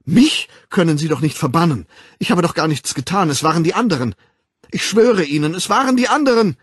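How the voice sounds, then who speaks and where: A man's voice: a little high, expressive, a little fast, husky, no echo, studio quality, pitched above the performer's own voice. A man voicing a panicked male official who sobs and begs not to be sent away, in an audiobook. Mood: desperate pleading. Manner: pleading, sobbing, near-shouting.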